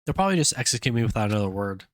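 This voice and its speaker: A man's voice: fairly low pitch, big pitch swings, racing, noisy background. A man doing a game playthrough, reading the dialogue theatrically with casual commentary. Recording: game music behind the voice. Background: game music and short character voice clips.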